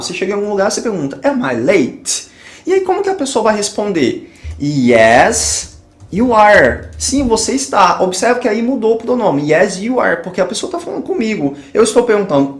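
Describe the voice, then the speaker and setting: Man, teacher type, high and expressive voice, patient step-by-step explainer, recorded in an echoey room. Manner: explains patiently, often asking the viewer "tá?" and "ok?"; slows down sharply on English example phrases. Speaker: English teacher. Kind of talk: classroom lesson at a whiteboard.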